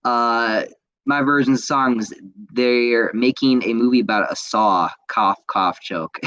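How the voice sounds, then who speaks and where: A young man chats casually on his podcast, rambling with enthusiasm. He stumbles through fillers and restarts at an everyday middle pitch. The sound is dry, with no room around it. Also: slow pace, a bit bright, no echo, highs cut off. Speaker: podcast host reading viewer comments. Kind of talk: casual chat.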